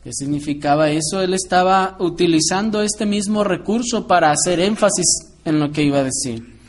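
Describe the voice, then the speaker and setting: A man's voice: high-pitched, normal speed, slight background noise. A man preaching a Bible lesson to a congregation, explaining patiently and asking the listeners rhetorical questions. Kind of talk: sermon-style Bible teaching.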